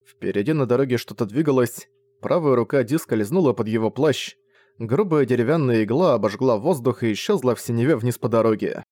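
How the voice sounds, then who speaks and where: A man narrating an audiobook in an even, measured way. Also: mid-range voice, dry recording, studio quality. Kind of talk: scripted narration.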